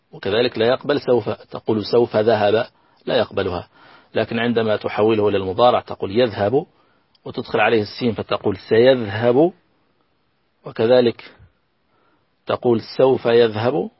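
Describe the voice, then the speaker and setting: A man teaching a lesson on Arabic grammar, slow and patient, repeating key phrases and working through examples. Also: lowish voice, slightly rough, no room sound, muffled recording. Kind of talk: recorded classroom lesson.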